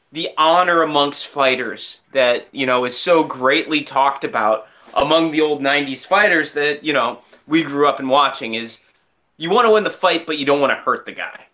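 A man's voice: on the high side, pushed and bright. A man co-hosting a casual hockey podcast, enthusiastic and joking. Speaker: podcast co-host. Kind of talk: casual sports chat.

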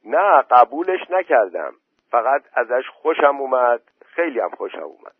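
A man's voice: medium pitch, very animated, slightly rough, dry recording, voice pushed up. A man voicing a stubborn village man who refuses everyone, recorded dry through a phone-like line. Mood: defiant. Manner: defiant, stubborn. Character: stubborn young village man, fond of a dog.

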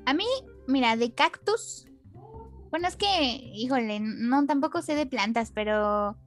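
A woman's voice: on the high side, animated, measured pace, faint music behind. A young adult woman with a Mexican accent, co-hosting a casual comedic chat with slangy, wry, self-deprecating humor. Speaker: podcast co-host.

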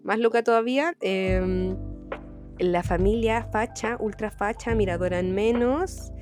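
A young woman with a Chilean accent telling a story in casual chat, animated and acting out the people she quotes. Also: measured pace, faint music behind. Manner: animated, acts out quoted people in sudden high voices. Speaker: podcast co-host.

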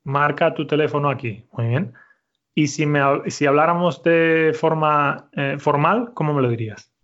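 Man teaching spanish, slow and clear, repeats answers, slightly high voice, dull lo-fi sound. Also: a bit bright. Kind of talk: conversational language lesson.

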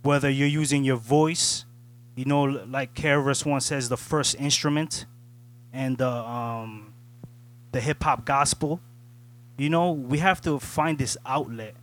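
A man's voice: medium pitch, a little slow. A man co-hosting a casual podcast chat, talking in a reflective way and often asking "you know what I'm saying". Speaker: podcast co-host.

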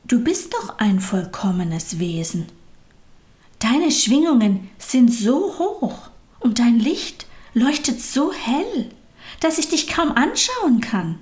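Brief: woman doing a loving storybook soul, hushed and tender, swooping up with feeling, slow. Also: a little high, big pitch swings, voice pushed up. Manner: tender, softly whispered, rising with feeling. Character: kind, loving soul, warm and devoted.

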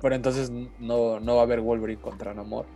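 A man's voice: mid-range voice, flat delivery, a little fast, vocal fry, mellow, soft background music. Mexican man in casual podcast talk. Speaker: podcast co-host.

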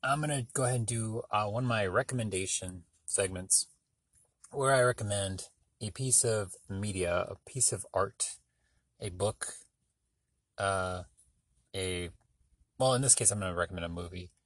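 Hosting his own podcast alone, a man talks casually at a moderate pace, with long pauses and no echo. His voice is on the low side and a bit bright, and he meanders between thoughts in an offhand, self-deprecating way, full of fillers.

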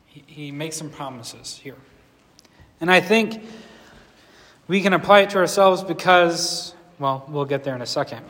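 Pastor with a slight lisp, hall reverb. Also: male voice, on the high side, a bit bright. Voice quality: slight lisp from a sore lip. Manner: conversational, earnest, asks the congregation questions. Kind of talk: sermon.

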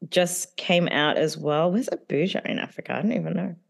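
A young adult woman co-hosting a podcast in casual chat, giggly and animated, with lots of "like". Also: low-pitched, fairly quick, vocal fry. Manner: giggly, animated, says "like" a lot. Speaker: podcast co-host.

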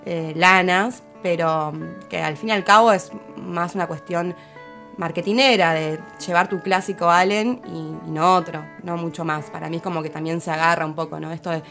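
A fairly low-voiced woman with a Rioplatense Spanish accent talks through fashion ideas in a relaxed panel conversation. She weighs her points thoughtfully and backs the others with quick affirmations. Faint music plays underneath. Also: creaky. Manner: thoughtful, many affirming fillers. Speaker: fashion commentator. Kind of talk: casual panel chat.

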